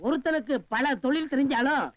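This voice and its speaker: A man's voice: very high voice, a little fast, fairly bright tone, no echo, muffled recording. A man in a comedy film scene, answering meekly and agreeably.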